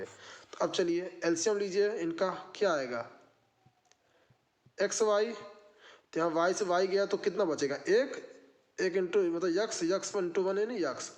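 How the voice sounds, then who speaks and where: A man. He walks through each problem one step at a time, asking the class questions and then answering them himself. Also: high-pitched. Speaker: math teacher. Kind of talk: exam-prep math lesson.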